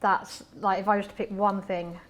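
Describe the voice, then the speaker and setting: A woman guest in a casual interview during a hot wing challenge, speaking haltingly with many restarts. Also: mid-range voice, little pitch movement.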